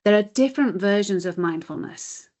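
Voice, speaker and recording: Expressive and a little mellow, her mid-range voice moves at normal speed while the British mindfulness charity chief executive explains things with sincerity. She appears as the guest in a conversational interview.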